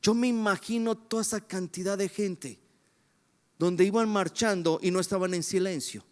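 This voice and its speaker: A man's voice: sits high, steady tone, moderate pace. A man preaching a sermon as pastor, retelling a story dramatically and putting rhetorical questions to the congregation. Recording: long reverb of a church hall.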